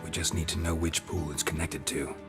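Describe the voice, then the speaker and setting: An actor voicing Geralt, a gruff middle-aged male monster hunter in a video game, speaking in terse, dry, clipped lines over game music. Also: extremely low pitch, flat delivery, brisk.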